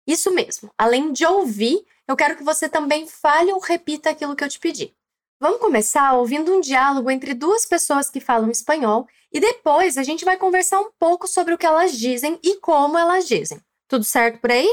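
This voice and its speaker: A woman's voice: high voice, lively intonation, a little fast. A woman with a Brazilian Portuguese accent hosting a language lesson podcast, encouraging the listener to repeat after her. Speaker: Spanish teacher and podcast host.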